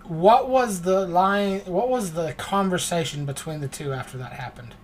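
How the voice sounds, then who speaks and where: A man hosting a casual podcast chat, talking low and very close to the microphone. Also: normal speed, a little hiss or hum. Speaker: podcast host. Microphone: close to the mic.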